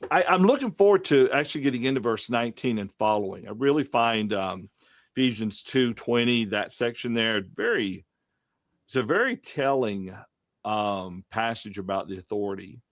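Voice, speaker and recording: A man's voice: mid-range voice, lively intonation, moderate pace, dry recording, clean studio sound. A man hosting a casual online Bible study discussion over a video call, rambling with many fillers. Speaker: host running the online study.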